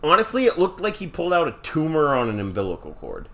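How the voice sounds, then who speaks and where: A man's voice: on the high side, huge pitch swings, fast, sharp tone. A man co-hosting a podcast in casual chat, talking loosely and swearing offhandedly. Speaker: podcast co-host.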